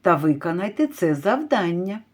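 A woman teaching a literacy lesson to young children, slowly drawing out stressed vowels as she calls out words. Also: fairly low pitch, sing-song, breathy edge. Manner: slow, drawn-out, stretching stressed vowels to call out words. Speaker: kindergarten teacher.

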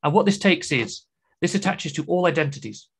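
A man's voice: a little high, lively intonation, brisk, husky. A man with a British accent giving a chatty, enthusiastic conference talk on programming, with joking asides. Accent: British English. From Britain. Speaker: conference speaker.

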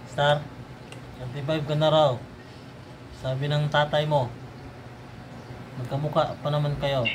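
A man, talking slowly and coaxingly in sing-song baby talk to his pet dogs. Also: a little high, flat delivery, noisy background. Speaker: vlogger. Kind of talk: casual chat to pet dogs.

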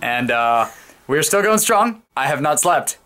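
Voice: medium pitch, big pitch swings, a little slow, fairly bright tone. A young adult vlog host and director chatting casually in a college radio studio, giddy and swearing after a night without sleep. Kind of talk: casual behind-the-scenes vlog chat.

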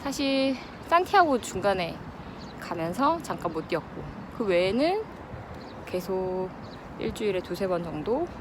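A woman's voice: mid-range voice, big pitch swings, moderate pace. Woman vlogging while running outdoors, noisy background. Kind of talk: casual reflective vlog talk to camera. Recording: noisy outdoor ambience with wind or traffic.

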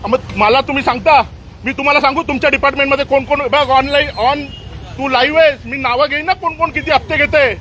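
Furious guy yelling at city workers, voice way up high, phone mic, loud traffic all around. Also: steady tone, fast, some chatter behind. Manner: scolding, shouting, demanding answers. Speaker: citizen confronting municipal staff. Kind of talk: angry live-streamed confrontation. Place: outdoors on a busy street. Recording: street traffic noise behind.

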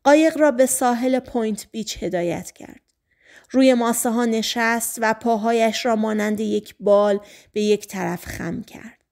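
Calm lady reading a novel aloud, steady pace, kinda high voice. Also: gravelly. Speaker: audiobook narrator. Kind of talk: scripted narration.

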